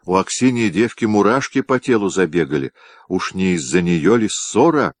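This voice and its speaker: Deep-voiced man narrating a historical novel. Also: animated, moderate pace, dry recording. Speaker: audiobook narrator. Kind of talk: dramatic reading of a historical novel.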